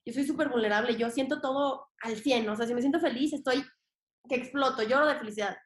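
A young woman with a Mexican accent talks fast in a high-pitched voice, appearing as a guest on a podcast. She's casual and emphatic in the interview, sprinkling in slang and an occasional swear word. Echo fills the room.

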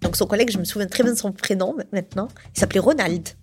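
A woman from southern France telling a personal story in a casual, lively way. She uses lots of fillers and acts out the people in her story. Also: medium pitch, rapid-fire. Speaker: storyteller recounting a past relationship.

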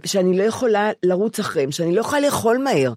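An older woman in her seventies speaks in a candid, personal way, at an average pitch for a woman. She halts often, restarting and repeating words as she searches for them. Her voice is recorded close to the mic in a dry, dead space. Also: sing-song, a little mellow, no room sound. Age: 70s. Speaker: podcast co-host. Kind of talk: candid conversation.

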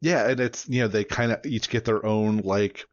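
A man's voice: on the low side, normal speed, no room sound, dull audio. A man co-hosting a podcast, rambling through a casual book chat with many "you know"s. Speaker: podcast co-host.

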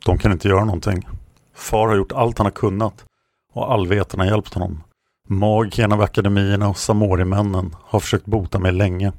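A man's voice: lowish voice, steady tone, no room sound, clean studio sound, natural voice. A dying young woman, tearful and tender, as a male narrator reads her. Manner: soft, tearful pleading.

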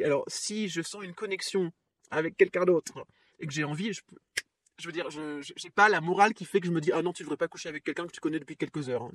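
A woman hosting a podcast, telling a personal story in a casual, lively way with frequent laughs and fillers. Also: on the low side. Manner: lively, chatty, laughs often, trails off with fillers. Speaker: podcast host.

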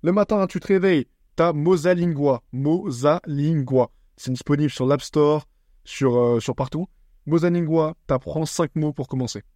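A man's voice: fairly high pitch, moderate pace, darkish tone, dry recording, studio quality. A young man from France hosting a casual solo podcast, talking bluntly and teasingly in slang, calling the listener bro. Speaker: podcast host.

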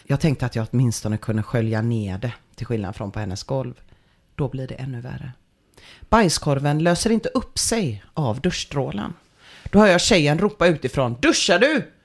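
A woman reads a story aloud on a talk show, her pitch swinging widely from low to high. She tells it with energy and breaks into laughter now and then, keeping it lively. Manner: animated, laughing through the story. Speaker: podcast host reading a story aloud. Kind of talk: reading a listener story aloud with comments.

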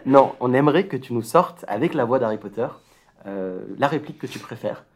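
A man's voice: mid-range voice, lively intonation, brisk, a little hiss or hum. A man co-hosting a casual podcast, asking questions in a playful, teasing way. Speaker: podcast co-host.

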